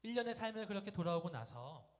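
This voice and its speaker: A man preaching in a church sanctuary, telling stories in a relaxed, conversational way and often putting questions to the congregation. His voice sits a little higher than most men's. A long reverb trails behind every phrase, as in a big hall. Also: quick pace. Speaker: guest pastor. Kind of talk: storytelling sermon. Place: church sanctuary during a Sunday service.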